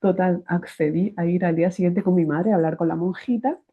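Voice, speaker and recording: A woman's voice: fairly low pitch, a little fast, breathy edge. Spanish woman telling a story over a tinny line. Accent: Spain Spanish. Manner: animated, restarts phrases, acts out quoted voices. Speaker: guest giving a faith testimony. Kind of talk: personal testimony storytelling. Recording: tinny phone-like sound.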